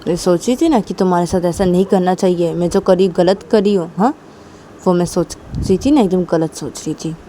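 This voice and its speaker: A woman's voice: on the low side, moderate pace, dark tone, a little hiss or hum, lightly acted, poor audio. A woman voicing a hurt young woman who curtly demands her hand be let go and says she is leaving. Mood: indignant. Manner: curt, repeats demands to let go. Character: hurt, angry young woman wanting to leave.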